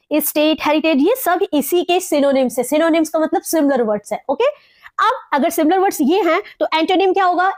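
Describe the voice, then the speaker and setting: A woman with an Indian English accent, teaching English vocabulary in a mix of Hindi and English and slowly repeating each word. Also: sits high, darkish tone, no echo, studio quality. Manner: explains slowly, repeats words and spells out pronunciation.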